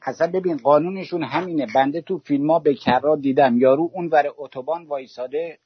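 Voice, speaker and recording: A man's voice: a little high, breathy edge, dry recording. A man from Iran calling in to a talk show and ranting with fiery sarcasm, like he is making a speech. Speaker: caller. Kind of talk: impassioned call-in rant. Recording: dull dry call-in audio.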